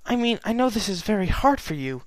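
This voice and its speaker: A man's voice: high-pitched, very animated, brisk, dry recording, pitched above the performer's own voice, rough recording. A man voicing a nervous younger pony princess sister who speaks in an anxious, soothing way.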